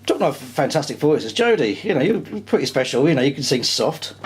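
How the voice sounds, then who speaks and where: A man interviews musicians with a playful, teasing manner, laughing through his questions. His pitch moves around in a lively way. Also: brisk, a little hiss or hum. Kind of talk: casual interview.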